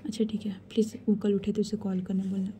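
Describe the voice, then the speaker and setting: Woman whispering as a frantic young friend, stammering, flustered, dark mellow tone, whispered role-play. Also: mid-range voice, little pitch movement, fast, a little hiss or hum, close to an everyday voice. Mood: panicked.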